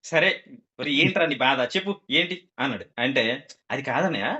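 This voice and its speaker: A man's voice: mid-range voice, expressive, fairly quick, sharp tone, dull audio. A man telling a comic story to a group, acting out the characters' quoted lines.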